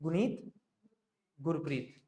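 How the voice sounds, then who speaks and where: Slow and mellow, his voice a little high, a man leads an accounting lesson covering the essentials. He coaxes the students and keeps making sure they're with him. Echo fills the room in this classroom recording.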